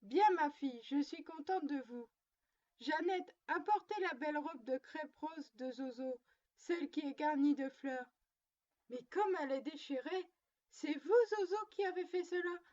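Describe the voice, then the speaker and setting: A woman's voice: high voice, unhurried, a little mellow, highs cut off. A woman reading a storybook, voicing a little girl who sternly plays mother to her doll, prim and lecturing. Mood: scolding.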